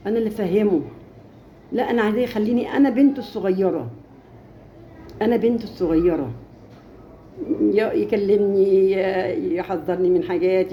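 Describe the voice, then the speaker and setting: A woman's voice: mid-range voice, mellow, a little hiss or hum. A woman with an Egyptian accent giving impassioned marriage advice, stressing her points by repeating phrases. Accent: Egyptian Arabic.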